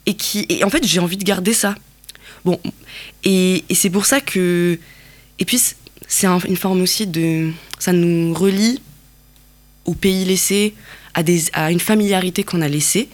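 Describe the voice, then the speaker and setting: An Algerian woman with a fairly low voice speaks as an interview guest. She's reflective and thoughtful, often pausing, rephrasing, and restarting, with many fillers as she works out her thoughts.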